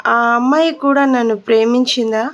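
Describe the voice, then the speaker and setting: A woman voicing a harsh, quick-tempered male prison jailer who questions sharply and with scorn. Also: a little high, dull audio, close to an everyday voice. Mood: scornful.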